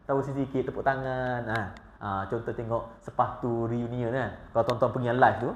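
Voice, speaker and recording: Animated Malaysian preacher in an echoey hall. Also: male voice, medium pitch, brisk, a little hiss or hum. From Malaysia, grew up in Johor. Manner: animated and humorous, swinging between hushed asides and loud emphatic lines. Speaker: religious teacher. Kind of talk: evening mosque lecture on scripture. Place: mosque prayer hall. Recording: roomy echo from a prayer hall.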